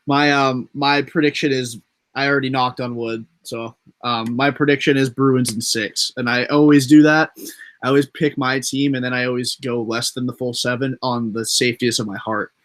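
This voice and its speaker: A young man hosting a casual sports podcast, excitable and talking in bursts of emphasis. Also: medium pitch, moderate pace. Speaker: podcast host.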